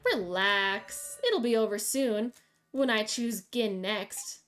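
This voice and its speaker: A woman reading aloud the lines of a smug, cruel young woman in a game, in a calm, taunting way. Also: mid-range voice, slow, faint music behind.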